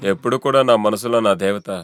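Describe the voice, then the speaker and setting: An actor playing a calm, devoted married man chatting easily with his sister-in-law in a film. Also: lowish voice, fairly quick, lightly acted. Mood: easy. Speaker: husband of the elder sister. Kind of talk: film drama acting. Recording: film scene with music score.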